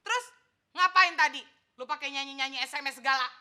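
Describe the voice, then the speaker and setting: A woman playing a fiery, jealous wife in a sitcom, scolding and quick to anger. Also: high voice, natural voice. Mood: indignant. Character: fiery jealous wife, sharp-tongued and loud. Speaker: office worker confronting her husband. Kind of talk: sitcom acting. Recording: noisy set with a laughing studio crowd.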